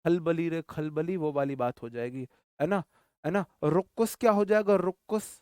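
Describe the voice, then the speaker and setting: A man teaching vocabulary with a fairly high voice, recorded close and dry with no room sound. He talks animatedly, repeating key words and firing off quick questions. He jokes through memory tricks and keeps calling the class brother. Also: a little mellow, smooth, dry recording. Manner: jokey memory tricks, calls listeners brother. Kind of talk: classroom lecture.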